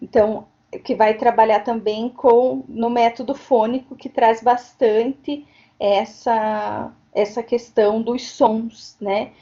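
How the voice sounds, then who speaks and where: Slow and warm, with a steady, slightly high voice, a woman delivers an online lecture as a teacher educator from her home. Her long explanations are regularly punctuated by tag questions checking that listeners follow. The audio, captured through a computer mic on a video call, is dull and lo-fi.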